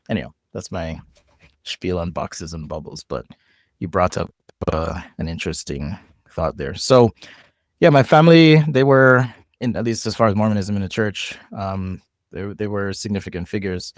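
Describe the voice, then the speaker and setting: A deep-voiced man from Jamaica, speaking with a Jamaican accent, appears as a podcast guest in relaxed, thoughtful conversation. He keeps restarting and repeating words while thinking. The sound is clean studio audio with no room sound.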